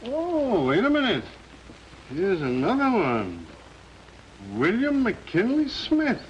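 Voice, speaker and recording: An actor playing a genial, folksy judge with theatrical, hesitant delivery in a 1930s film style. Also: male voice, high-pitched, huge pitch swings, slow pace, muffled recording, full character voice. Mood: cheerful. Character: genial older male judge presiding playfully over a boys' mock court. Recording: old 1930s film sound, noisy room.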